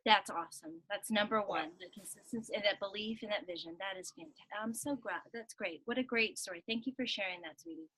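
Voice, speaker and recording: A woman's voice: medium pitch, fast talker, few pauses, pushed and bright, slightly rough, rough recording. A woman leading an online team call as a coach, chatty and encouraging, praising members and asking them questions.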